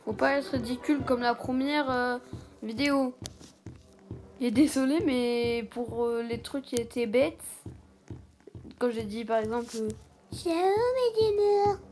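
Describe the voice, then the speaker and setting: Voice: medium pitch, little pitch movement, measured pace, pauses often, a little mellow. A young person giving casual, rambling gameplay commentary in an exasperated, self-conscious way. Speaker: gaming video creator, player. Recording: music behind the voice.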